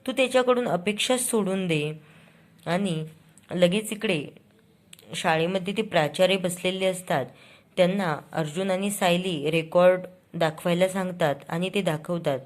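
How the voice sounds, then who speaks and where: A woman talks through the latest episode of a television serial in an easygoing, conversational way. Her voice sits a little low, and she drops into the characters' lines with only light emphasis. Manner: retells scenes, quoting each character's lines with light emphasis. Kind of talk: casual spoken recap.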